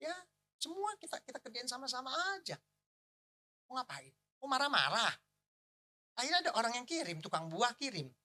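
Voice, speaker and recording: A male pastor, preaching in a casual storytelling way, animated and joking, with exclamations. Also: very high-pitched, fairly quick, pauses often.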